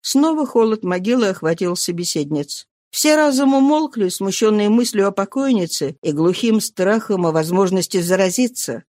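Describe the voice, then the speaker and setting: A woman's voice: medium pitch, expressive, moderate pace, hardly any pauses, a little mellow, dry recording, studio quality. Woman reading a classic novel. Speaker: audiobook reader. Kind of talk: audiobook narration of a classic novel.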